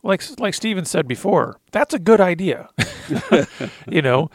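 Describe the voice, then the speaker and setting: A man's voice: medium pitch, no room sound. A man in his thirties co-hosting a faith-based talk, earnestly telling his recovery story and quoting scripture with emotion. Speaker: podcast co-host sharing recovery testimony.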